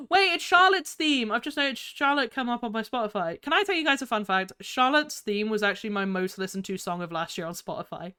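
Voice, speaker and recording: A woman streamer chatting live with her viewers in a bubbly, giggly, excitable way while playing games. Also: fairly high pitch, a little fast, few pauses, smooth. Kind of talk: live gaming stream chat.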